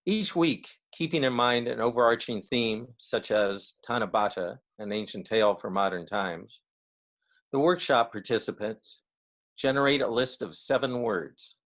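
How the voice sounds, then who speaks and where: A man presenting a poetry reading, explaining its format in a measured way and then reading a poem aloud. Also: mid-range voice, a bit bright. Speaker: event presenter and poetry reader.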